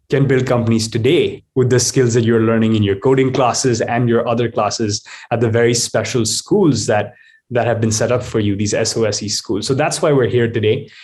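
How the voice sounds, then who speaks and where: A man's voice: mid-range voice, darkish tone. A man hosting an online event, introducing and questioning a guest for young students in an explanatory way. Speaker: host, moderator.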